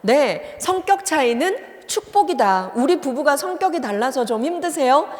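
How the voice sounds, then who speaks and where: A woman psychology professor speaks at a church seminar in a lively lecturing manner. She often asks her listeners questions and briefly acts out the lines she quotes. Her voice sits a little high and carries a long church-hall reverb. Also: moderate pace.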